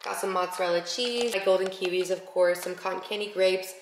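Filming a daily vlog inside a large, bright home, this twenty-something woman chats to the camera in an upbeat way, filling her speech with "like." She talks a little fast, with a fairly low pitch and fairly even intonation, while the space adds roomy echo and some faint noise.

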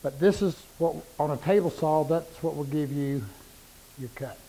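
Middle-aged guy showing saw cuts in his shop, fairly high voice, keeps repeating stuff so you get it, lapel mic. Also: normal speed, mellow, husky, rough recording. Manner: plain-spoken, repeats points for emphasis, talks while working. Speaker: woodworking instructor. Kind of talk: hands-on shop demonstration. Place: woodworking shop with power saws.

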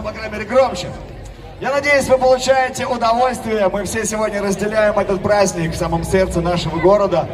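High-pitched boxing-style ring announcer, man, distant outdoors. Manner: showman-like, rousing, projecting to the crowd. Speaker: ring announcer at a mixed martial arts event. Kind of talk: boxing-announcer style crowd hosting with drawn-out fighter introductions. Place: outdoor city square, heard over stage speakers. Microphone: recorded from far back in the crowd. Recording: distant PA outdoors, loud music and crowd.

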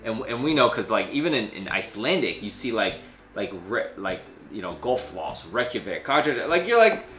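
A young man co-hosting a casual chat, lively and joking, with lots of fillers. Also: lowish voice, normal speed. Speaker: co-host. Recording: echoey room with faint music.

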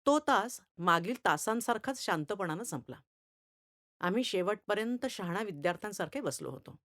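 A woman reading a light-hearted short story aloud in a calm, even narrating voice. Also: medium pitch, moderate pace, no room sound, studio quality. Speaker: story reader.

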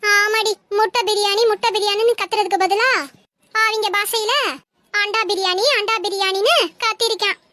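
A woman's voice: extremely high pitch, little pitch movement, normal speed, sharp tone. A woman acting a worn-out mother who scolds and complains at length, in a comedy sketch. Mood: complaining. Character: exasperated mother, loud and scolding.

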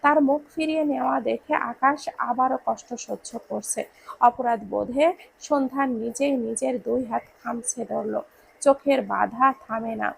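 A woman narrating an emotional romance story in a slow, tender, dramatic way. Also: a little high, vocal fry, a little hiss or hum, poor audio.

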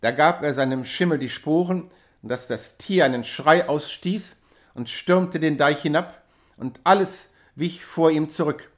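Man reading a classic story aloud. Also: on the high side. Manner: measured, dramatic storytelling. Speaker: audiobook reader. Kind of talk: literary reading.

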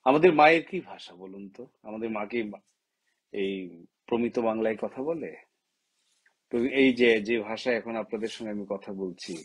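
Husky man posing impassioned rhetorical questions. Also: on the low side. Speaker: writer giving a talk. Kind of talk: direct-to-camera opinion talk.

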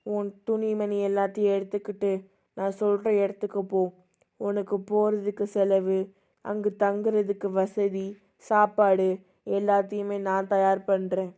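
A woman voicing a scheming older woman who calmly gives orders in an amateur voice drama. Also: mid-range voice, unhurried, clear, resonant tone, lightly acted. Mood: commanding. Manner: calm, commanding, instructive.

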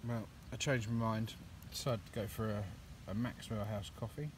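This casual vlogger in his 30s has a fairly low, steady voice and talks at a moderate pace. Filming himself on a handheld phone at arm's length around a woodland campsite and path, he rambles chattily with lots of ums, and the noisy outdoor audio has clear background noise.

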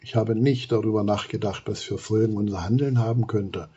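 A man's voice: fairly low pitch, steady tone, brisk, warm tone, breathy edge, dull audio. A man doing a remorseful young wolf cub. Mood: earnest. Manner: earnest, apologetic.

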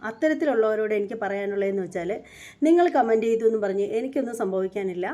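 A woman's voice: mid-range voice, quick pace, dark tone. A woman, hosting a reaction channel and talking casually to her viewers in a chatty, repetitive way. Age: 40s. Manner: chatty, repetitive, sometimes indignant.

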